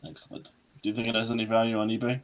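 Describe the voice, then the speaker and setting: A man voicing a hooded skeletal ferryman of the dead in a tabletop game, brusque, quick and demanding. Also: on the low side, level tone, close to an everyday voice. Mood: amused.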